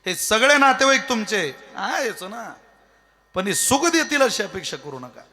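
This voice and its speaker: A man's voice: high-pitched, very animated, measured pace, crowd noise. A man giving a devotional sermon as a kirtan preacher, folksy and joking, throwing out rhetorical questions.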